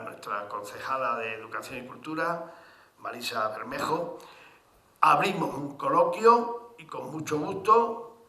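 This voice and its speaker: A man moderating a public cultural discussion, speaking formally with pauses from Extremadura. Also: on the high side, pushed and bright, echoey room. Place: cultural centre hall.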